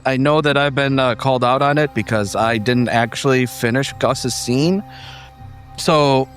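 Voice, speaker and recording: A man's voice: mid-range voice, a bit bright. Rambling man hosting as game master. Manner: rambling, self-deprecating. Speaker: game master and podcast host. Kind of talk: casual debrief chat.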